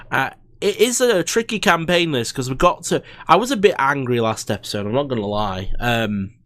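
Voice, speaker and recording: A man's voice: medium pitch, fairly bright tone, dry recording. A young man giving rambling, casual commentary on a strategy game he is playing, talking close to a desk microphone with lots of fillers and restarts. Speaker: gaming YouTuber. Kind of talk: casual let's-play commentary. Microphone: desk microphone in front of him.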